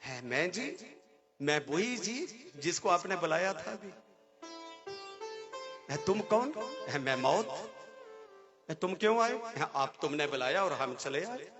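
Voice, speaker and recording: A man voicing quiet, low-voiced Death. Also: expressive, unhurried, long pauses. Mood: matter-of-fact. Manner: low, quiet and matter-of-fact. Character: calm, soft-spoken Death, personified. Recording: muffled with sitar music behind.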